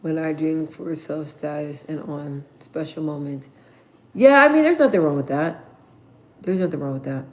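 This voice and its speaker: A woman's voice: deep voice, moderate pace, darkish tone. A woman in her thirties chatting casually with viewers on a livestream from her mother's house, rambling with lots of fillers and slang. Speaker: livestream host.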